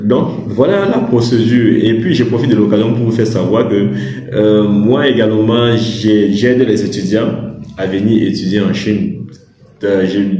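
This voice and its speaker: Male vlogger, rambling advice monologue, dark tone, echoey room. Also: fairly low pitch. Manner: rambling, many restarts and fillers, laughs at himself. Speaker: YouTuber advising on study in China. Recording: roomy echo.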